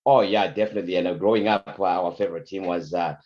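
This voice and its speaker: A middle-aged Zimbabwean man, a soccer coach, answering interview questions in a halting way with many fillers. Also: sits low, fairly even intonation, lo-fi sound.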